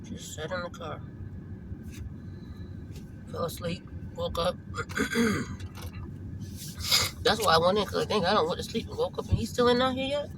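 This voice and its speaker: A woman gives short, quiet answers while sitting in a car. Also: on the low side, moderate pace, long pauses, far from the mic, noisy background. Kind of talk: casual chat from the car. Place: inside a parked car.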